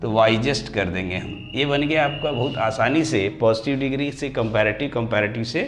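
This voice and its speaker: A man teaching English grammar, his voice at an ordinary middle pitch for a man. He drags out example words slowly, syllable by syllable, and calls his students dear children. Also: background noise. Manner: slows right down and stretches example words to spell them out. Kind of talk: classroom grammar lesson.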